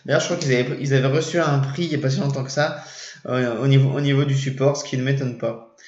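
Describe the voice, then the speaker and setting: A man's voice: medium pitch, steady tone, quick pace, darkish tone. A man casually explaining to his viewers, hesitant and full of fillers and restarts. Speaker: trading channel host. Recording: roomy, dull lo-fi sound.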